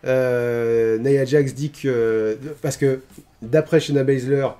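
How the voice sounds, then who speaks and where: A man's voice: mid-range voice, steady tone, takes it slowly, mellow. A man streaming a casual wrestling recap, chatty and hesitant, with frequent restarts. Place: home streaming setup. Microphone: streaming microphone.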